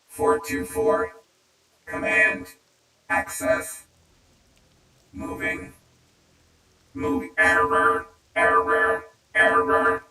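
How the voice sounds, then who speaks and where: Brief: a malfunctioning old male war robot in a game, with a glitchy robotic filter, curt and soldierly, stuck on error loops, slow and high. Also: sing-song, gravelly, full character voice. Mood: mechanical. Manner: clipped machine reports, stuck repeating errors. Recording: echoey, distant, with music behind.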